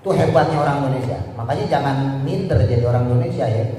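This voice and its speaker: A man's voice: medium pitch, fast, dark tone, a little hiss or hum. A man, a religious teacher, gives a kitab study lesson in a casual, joking way, reading Arabic phrases and translating them one by one for the listeners. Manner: joking, talks directly to the listeners. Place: large hall for a public religious gathering. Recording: echoey hall from far off.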